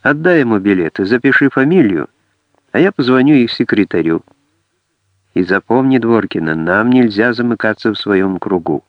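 A man's voice: lowish voice, expressive, normal speed, no room sound, close to an everyday voice. A man voicing an officious male student official who lectures and gives orders. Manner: lecturing, bureaucratic. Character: officious male youth-league secretary, bossy and brisk. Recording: dry, dull lo-fi audiobook.

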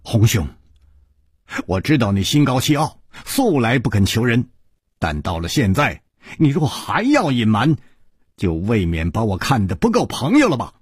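A man voicing an easygoing male hero swordsman who speaks calmly and wryly, in a storytelling performance. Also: medium pitch, normal speed, husky, no room sound, clean studio sound. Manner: calm, wry, friendly.

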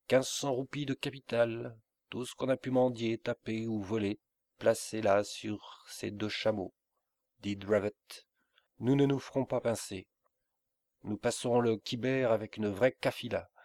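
A man voicing a boisterous wandering mollah who is really a bold trickster, declaiming slowly and with emphasis. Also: medium pitch, a little mellow, no echo, close to an everyday voice.

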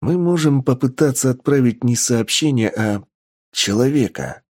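A man voicing a calm male schemer who explains his plan in a steady, persuasive way, close to his own voice. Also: medium pitch, moderate pace, no echo, voice pushed up, close to an everyday voice.

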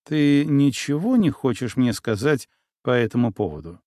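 A man voicing a sharp, suspicious young woman necromancer in an audiobook, with an insistent, prickly way of talking. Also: medium pitch, lively intonation, moderate pace, dry recording, studio quality, close to an everyday voice. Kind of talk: audiobook character voice.

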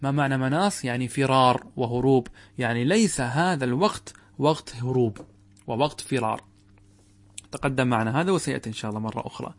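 A man teaching a classical Arabic grammar lesson as a sheikh, asking questions and answering them himself, repeating key words and slowing down to intone quoted verses. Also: medium pitch.

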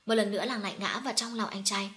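A woman's voice: mid-range voice, steady tone, fast talker, a bit bright. Woman narrating an audio story.

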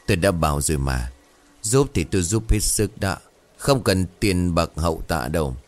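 A man's voice: low voice, animated, normal speed. A man voicing a stern, grave middle-aged village shaman who speaks firmly.

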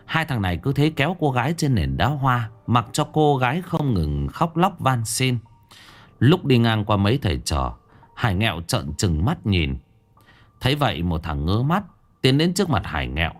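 A man narrating a story in a dramatic, expressive way. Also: mid-range voice, moderate pace.

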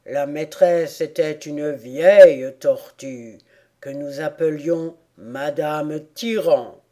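A woman voicing a sad, sobbing female mock turtle with a calf's head in a storybook reading, slow, loud and lamenting. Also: low voice, voice pushed down. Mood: mournful. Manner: slow, mournful and loud, turning indignant.

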